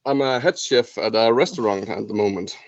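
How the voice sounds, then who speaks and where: A man's voice: on the low side, expressive, a little fast, no echo. Danish guy in his 20s, friendly chatty guest, bit dull lo-fi sound, dry. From Denmark. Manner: cheerful, laughs often, hesitant fillers. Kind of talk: casual interview chat.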